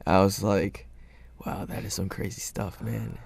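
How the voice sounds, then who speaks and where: A young man from the United States hosting a radio show in relaxed, casual chat. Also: fairly low pitch, unhurried, gravelly, husky, no room sound, studio quality. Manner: relaxed, laid-back, says "man" a lot.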